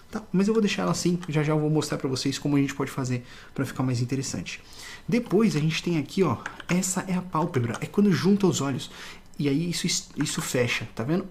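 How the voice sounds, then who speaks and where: A man's voice: mid-range voice, darkish tone, slight background noise. Man teaching a drawing lesson. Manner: explains step by step, often checks in with the viewer. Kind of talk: casual drawing tutorial.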